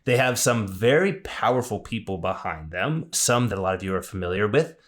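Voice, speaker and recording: Male podcast host, lower register, relaxed conversational delivery of industry news. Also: brisk. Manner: conversational, enthusiastic asides. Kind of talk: casual news commentary.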